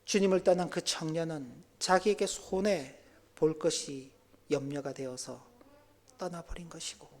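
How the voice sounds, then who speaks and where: A male pastor preaching a sermon, dropping to near-whispers and then rising to loud, exclaiming passages. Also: a little high, a little slow.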